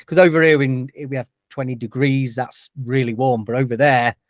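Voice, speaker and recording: A man's voice: medium pitch, normal speed, no echo, studio quality. A man hosting a podcast in a chatty, jokey way. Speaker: podcast host. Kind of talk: casual podcast chat.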